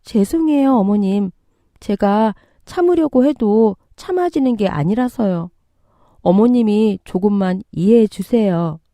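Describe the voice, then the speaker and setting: A woman's voice: medium pitch, lively intonation, measured pace, warm tone, no room sound, clean studio sound. A woman voicing a pregnant young wife who pleads with and confronts her mother-in-law in a story radio reading. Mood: pleading. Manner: pleading, then indignant.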